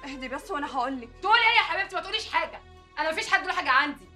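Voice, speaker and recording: An actress with an Egyptian Arabic accent playing a quarrelsome young sister who speaks bluntly and heatedly. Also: female voice, very high-pitched, expressive, rapid-fire, pushed and bright, soft background music, full character voice.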